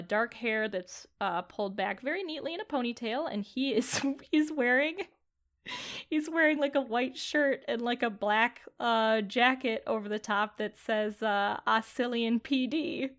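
A woman's voice: fairly high pitch, a bit bright. A woman narrating a tabletop game as game master, chatty, with many fillers.

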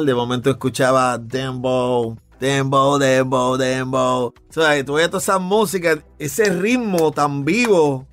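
A man with a Puerto Rican accent, a DJ and club owner telling vivid stories in an interview. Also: mid-range voice. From Puerto Rico. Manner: animated, vivid storyteller. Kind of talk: interview recollection.

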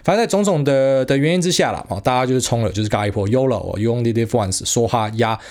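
A man with a Taiwanese Mandarin accent talks through the markets on his own podcast at a brisk clip. His voice sits mid-pitch, and his talk is casual and blunt, full of fillers and the odd swear word. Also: darkish tone. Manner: fast, slangy and blunt, with frequent fillers and mild swearing. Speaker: podcast host. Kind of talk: casual solo market commentary.

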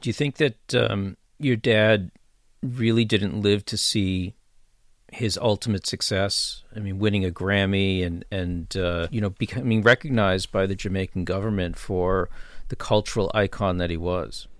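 A man from Boston interviewing a guest with measured, probing questions. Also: low-pitched, fairly even intonation, no room sound.

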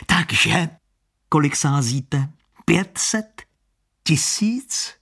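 A man voicing a loud, taunting blind male shell-game hustler in an audiobook story, pushy and high-pitched. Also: lively intonation, creaky, breathy edge, full character voice. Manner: shouting, needling, high and pushy.

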